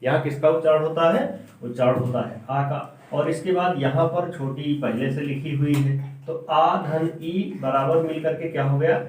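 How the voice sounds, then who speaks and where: A man teaching a grammar lesson, slowly asking each question and then answering it himself, dropping his voice on the key sounds. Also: a little mellow. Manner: drags out and drops pitch on key sounds. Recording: echoey room, far from the mic.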